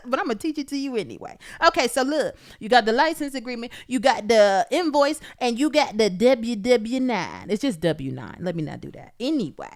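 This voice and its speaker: Woman, podcast host, chatty teaching rant, high swooping voice. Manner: animated, ranting, says "look" constantly. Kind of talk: casual instructional monologue.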